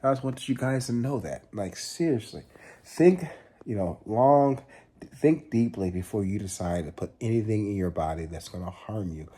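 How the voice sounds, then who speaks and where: Earnest young man, husky low voice. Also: lively intonation, normal speed, mellow. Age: 20s. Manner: earnest, repetitive, swears casually. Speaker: fitness vlogger. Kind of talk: casual vlog talk to camera.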